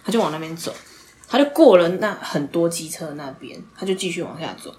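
A young woman, hosting a podcast and telling a story in casual chat, animated, swearing casually and dropping into whispered asides. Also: fairly low pitch, a little fast, slight background noise. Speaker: podcast host.

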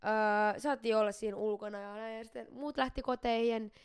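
A woman's voice: on the high side, clear, resonant tone. Chatty young woman telling a story. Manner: animated storyteller, lots of fillers. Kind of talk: casual chat.

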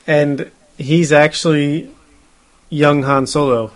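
A man's voice: a little high, steady tone, takes it slowly. A man casually discussing a movie with a friend, chatty, with frequent laughs and fillers. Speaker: movie review co-host.

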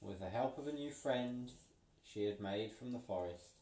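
A man reading a picture book aloud to a child, playful and pausing so the child can finish sentences. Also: lowish voice, animated, dark tone. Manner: playful, pauses for the child to fill in words. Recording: roomy, from a distance.

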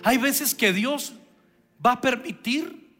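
A man's voice: extremely high pitch, slow, bright, forceful tone, soft background music. A man preaching a sermon as pastor, conversational with playful asides.

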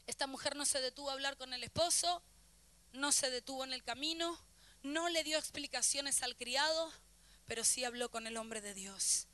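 High bright Argentine woman preaching. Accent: Rioplatense Spanish. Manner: passionate preaching, swinging from loud urgent calls to quiet intimate asides. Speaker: pastor. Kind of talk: sermon.

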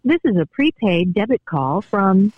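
A woman's recorded voice announcing calls in a flat, measured manner over a prison phone line. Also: mid-range voice, breathy edge, dry recording.

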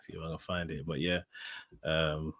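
A man's voice: extremely low pitch, level tone, moderate pace, background noise. A man, chatting casually as a co-host. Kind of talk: casual chat about wrestling on a live show.

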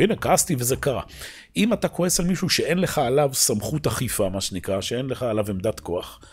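A man's voice: a little high, breathy edge. A man teaching a religious lesson, asking his listeners rhetorical questions and often restarting his words. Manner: many restarts and repeated words. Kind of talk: Torah lesson.

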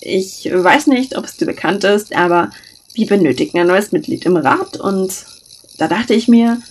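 A woman's voice: medium pitch, expressive, moderate pace, breathy edge. A woman reading aloud and voicing a mischievous young woman who teases her friend with dry, mocking banter. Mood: sweetened.

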